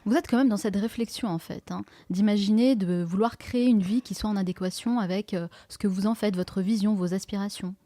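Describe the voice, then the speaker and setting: A woman's voice: medium pitch, fairly even intonation, fairly quick, hardly any pauses, dark tone, no echo. A woman interviewing a guest in an attentive, polite, conversational way. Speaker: interviewer, show host.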